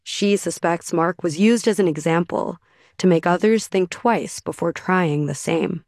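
A woman reporter narrating a radio feature story in a steady, measured way. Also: on the low side, no room sound, studio quality.

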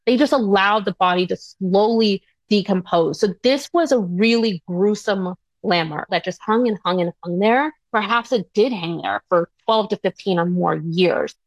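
A woman's voice: medium pitch, moderate pace, hardly any pauses, no echo, rough recording. A woman historian speaking in an interview, earnest and reflective. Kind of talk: interview remarks.

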